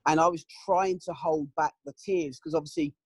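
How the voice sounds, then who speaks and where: A middle-aged man giving candid, emotional testimony in an interview, often pausing with "um" and "you know". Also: fairly high pitch, steady tone, husky, dry recording, low-quality recording. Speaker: interview guest.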